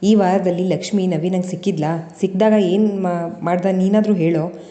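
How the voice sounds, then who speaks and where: A woman's voice: on the low side, fairly even intonation, moderate pace, dark tone, muffled recording, close to an everyday voice. A woman voicing a stern older male village head and father, speaking curtly and commandingly. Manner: curt and commanding. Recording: long reverb.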